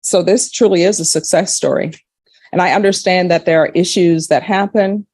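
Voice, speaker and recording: A woman's voice: fairly low pitch, fairly even intonation, normal speed, darkish tone, dry recording. A woman speaking as a judge in a courtroom, formally putting questions and giving rulings. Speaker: judge presiding over a court hearing.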